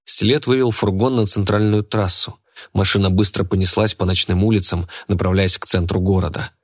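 A man narrating an audiobook in an even, measured way. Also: deep voice, husky, no room sound, clean studio sound.

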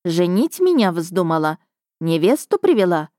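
A woman's voice: lowish voice, sing-song, moderate pace, dark tone, no room sound, studio quality. A woman voicing a grumpy, touchy male house spirit in an audiobook, sulky and sniffling. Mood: suspicious. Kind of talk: audiobook character voice.

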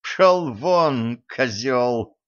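A man's voice: animated, slow. A man voicing a drunk, enraged woman who screams curses at her husband, in a dull audiobook recording. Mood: drunk fury. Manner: screaming insults, shrill.

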